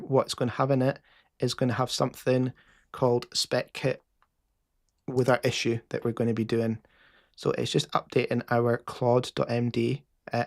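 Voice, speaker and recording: A man's voice: mid-range voice, creaky, a little mellow. A man with a Scottish accent casually explaining a live coding session as host, with frequent fillers and restarts.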